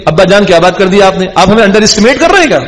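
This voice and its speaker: A man doing glib scheming brothers, high and pleading. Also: sing-song, a bit bright. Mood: indignant. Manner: glib, persuasive, protesting innocence. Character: group of scheming grown brothers, smooth-talking and wheedling. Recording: long hall reverb.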